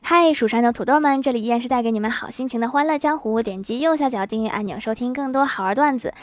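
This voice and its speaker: A woman hosting a show, telling scripted jokes briskly and laughing at the punchlines. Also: on the high side, no echo. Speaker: host. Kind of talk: scripted joke narration.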